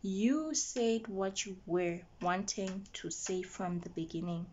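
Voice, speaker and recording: Young woman vlogger, unhurried and indignant storyteller, muffled lo-fi recording. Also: mid-range voice, slight background noise. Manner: animated, indignant retelling with quoted dialogue. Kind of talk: get-ready-with-me storytelling. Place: at home doing makeup.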